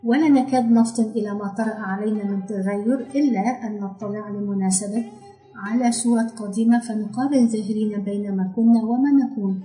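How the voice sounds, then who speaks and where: Woman audiobook narrator, measured literary reading; soft music behind, echoey room. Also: mid-range voice, fairly even intonation. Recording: roomy echo, faint background music.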